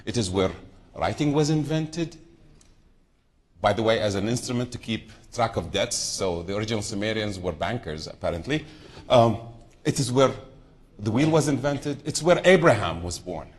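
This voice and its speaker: A middle-aged man from southern Iraq gives an unscripted talk on a conference panel. His voice sits a little low, and he drifts into side stories and often repeats words as he restarts. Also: expressive, moderate pace. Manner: unscripted, digressive, frequent restarts. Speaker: panel speaker.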